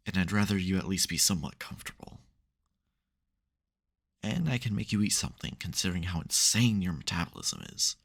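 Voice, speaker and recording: The performer's supervillain voice is very low and heavily gravelly, yet a bit bright and exaggerated, in an intimate ASMR roleplay. His wry exasperation hides real care, and here he comes across as concerned and bossy.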